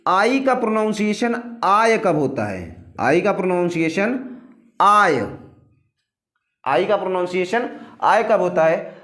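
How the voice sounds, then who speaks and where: A man's voice: high voice, a bit bright, roomy sound. A man teaching English pronunciation, spelling words out letter by letter and asking and answering his own questions. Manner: slow, drawn-out dictation of rules to copy down. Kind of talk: classroom-style lesson.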